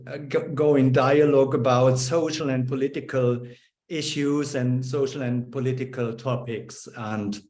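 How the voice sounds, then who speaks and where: A man hosting an online webinar speaks slowly and haltingly, stopping often on fillers and restarts. His voice comes through a video call with a noticeably echoey room around it. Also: mid-range voice, a little mellow. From Germany. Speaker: webinar host. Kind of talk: hesitant opening remarks on a video call.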